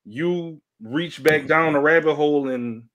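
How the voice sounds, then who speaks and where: Male podcast host, laid-back and slangy, reads chat, slightly higher voice. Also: unhurried, a bit bright.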